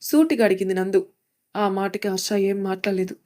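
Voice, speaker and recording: A woman storyteller reading a serialized audio story with steady, expressive narration. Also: mid-range voice, brisk.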